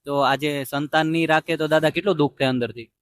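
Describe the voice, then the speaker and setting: Outdoors beside a road, a man hosts a charity video, interviewing someone in a gentle, reassuring way and earnestly appealing to viewers. His voice is fairly high and steady, he talks quickly, and the recording is dry.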